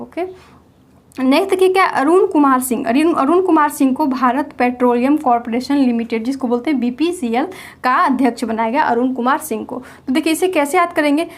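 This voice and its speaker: A young woman teaching a general knowledge lesson, explaining memory tricks and asking and answering her own questions. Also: high voice. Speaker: quiz teacher.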